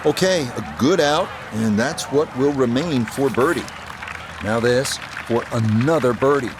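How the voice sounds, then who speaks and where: A man voicing a composed video game golf commentator, calling play in a measured, understated sportscasting style. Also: mid-range voice, a crowd in the background, noisy background, close to an everyday voice. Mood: composed, approving.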